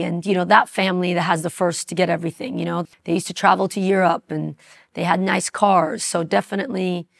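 A woman in her forties from Iran, recounting her life story in a reflective, unhurried way. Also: on the low side, gravelly. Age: 40s. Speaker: interview guest. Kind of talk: personal storytelling.

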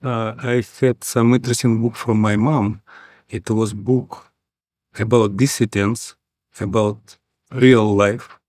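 Low-voiced Ukrainian-accented man. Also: steady tone, darkish tone, no room sound. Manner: deliberate, plain, occasional fillers. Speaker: interviewee. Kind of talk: interview storytelling.

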